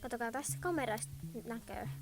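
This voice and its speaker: High-voiced girl narrating gameplay, hoarse. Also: animated. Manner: chatty, thinks aloud, clears throat often. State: voice going hoarse. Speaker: gaming video host. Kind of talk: casual gameplay commentary. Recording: loud game music behind. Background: loud game music.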